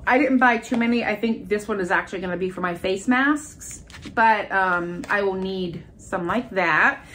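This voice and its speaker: Her voice is medium-pitched and fairly bright, moving at a moderate pace over slight background noise. A middle-aged American woman with a congested, stuffy sound, she hosts a haul video, casually and eagerly presenting shopping finds indoors in a furnished room at home.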